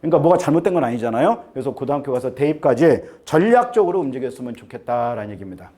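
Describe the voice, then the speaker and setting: A man's voice: medium pitch, big pitch swings, racing, warm tone. A man giving a talk to parents as an admissions consultant. He keeps joking and asks the audience again and again to agree. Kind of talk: lecture to parents. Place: seminar room with an audience.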